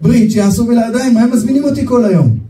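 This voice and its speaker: A man, a rabbi, telling stories in a sermon, animated and acting out the people he quotes. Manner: animated storytelling, acting out quoted voices with sharp pitch swings. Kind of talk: storytelling sermon. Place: memorial gathering hall. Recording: echoey hall, voice from far off, faint background noise.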